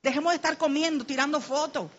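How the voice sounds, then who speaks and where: A fast-talking middle-aged woman from the Dominican Republic, with a high, steady voice and a Dominican Spanish accent, shares a personal story on a panel. Earnest and heartfelt, she grows urgent in urging listeners to act, in a recording whose highs are cut off.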